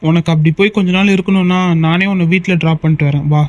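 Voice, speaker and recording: A man's voice: high voice, steady tone, fast, dry recording, natural voice. A man voicing a caring young friend in a cartoon, pleading and reasoning. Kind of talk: Tamil cartoon voice acting.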